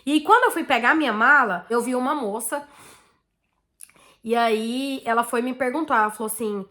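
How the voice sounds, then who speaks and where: A woman's voice: on the high side, normal speed. A Brazilian woman vlogger with a Brazilian Portuguese accent, chatting casually and animatedly as she tells her viewers a personal story. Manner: chatty, animated, peppered with "tipo assim" and "né".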